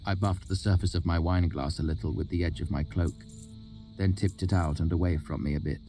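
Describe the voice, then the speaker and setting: A man narrating an audiobook in a steady, even reading voice. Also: sits low, brisk, faint music behind. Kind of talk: scripted narration.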